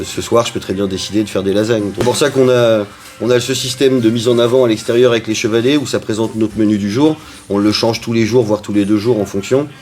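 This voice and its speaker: A man's voice: fairly low pitch, darkish tone. A man who owns and cooks at a restaurant, answering interview questions in a chatty way with frequent hesitations. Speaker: restaurant owner and cook.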